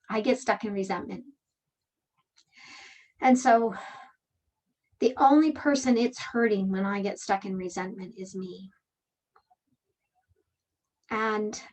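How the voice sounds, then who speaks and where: A woman giving a calm motivational presentation, speaking gently and reflectively with slow phrasing and pauses. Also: medium pitch, rough recording. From Canada. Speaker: speaker and workshop leader.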